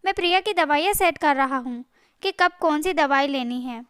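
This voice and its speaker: A woman's voice: high-pitched, normal speed, a bit bright, no echo. Woman doing a dutiful young husband: polite, mild, dry sound.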